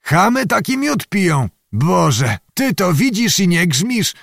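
A man voicing a blustering, hot-tempered old nobleman who shouts insults at peasants, in a dry, close recording. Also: sits high, expressive, measured pace, creaky, dry recording, pitched above the performer's own voice, exaggerated voice. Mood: grumbling.

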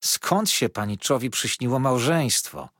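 Kindly plump nursemaid in a storybook, read by a man: warm, slow, emphatic, a little husky. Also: mid-range voice, animated, no room sound, studio quality. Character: kind plump middle-aged nursemaid woman.

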